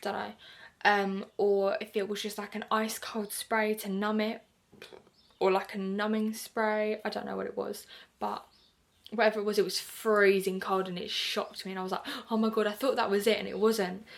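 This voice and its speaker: A woman's voice: medium pitch, level tone, moderate pace, vocal fry. A young woman from the UK telling a personal story to camera in a chatty way, full of "like" and acted-out quotes. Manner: chatty, lots of "like", acts out her own quotes. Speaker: vlogger.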